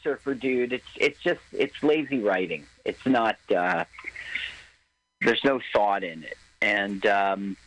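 A man's voice: on the low side, slow pace, fairly bright tone, low-quality recording. A man co-hosting a casual film commentary, talking in an opinionated, analytical way.

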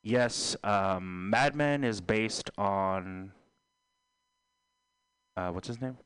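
Deadpan young man joking on a podcast. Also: on the low side, drawn-out words, clear, resonant tone, dry recording. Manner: deadpan, absurd joking with trailing fillers. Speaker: podcast host. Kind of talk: casual podcast banter.

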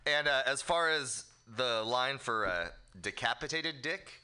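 Bright-voiced man giving crude joke notes. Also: medium pitch, animated, unhurried, clear, resonant tone. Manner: joking, crude, bluntly critiquing. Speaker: fellow comic giving feedback. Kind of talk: crude casual feedback chat.

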